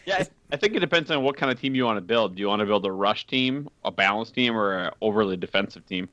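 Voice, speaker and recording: A man chatting casually on a gaming podcast, laughing often and filling pauses with "um". His voice sits at an ordinary pitch. The sound is dry, with a slightly dull, muffled tone. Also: expressive, bright, forceful tone, no room sound. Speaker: podcast co-host.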